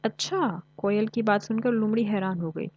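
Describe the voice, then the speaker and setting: Woman reading a bedtime story, calm and steady, dry close mic, kinda dull sound. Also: mid-range voice, brisk, no echo. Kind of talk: children's bedtime story narration.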